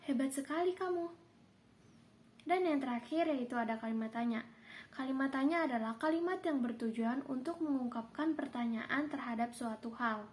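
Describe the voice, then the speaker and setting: A woman teacher giving a classroom grammar lesson, explaining steadily and reading out example sentences. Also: a little high.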